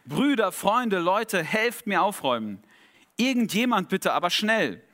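Man doing a panicky guy freaking out about his messy house, high and agitated, begging for help. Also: wildly swooping pitch, normal speed, pushed and bright, full character voice. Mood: pleading. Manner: agitated, pleading.

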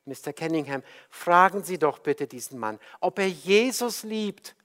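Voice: mid-range voice, lively intonation, measured pace, fairly bright tone. Ein Prediger spielt in einer erzählten Geschichte ein junges, herzliches Mädchen, das direkt und ernst fragt. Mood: earnest. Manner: earnest, direct questions. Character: frank, warm-hearted young girl asking blunt questions.

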